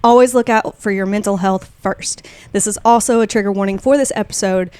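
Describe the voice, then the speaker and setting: A woman's voice: medium pitch, fairly even intonation, fairly quick, darkish tone, clean tone. A young adult woman co-hosting a casual podcast, chatty and laughing often. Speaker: podcast co-host.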